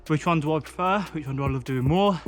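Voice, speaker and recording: A man's voice: on the high side, fast talker, soft background music. A man talking casually to camera while out running a trail, audibly out of breath. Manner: chatty, talking mid-run. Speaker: running vlogger. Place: outdoors on a trail.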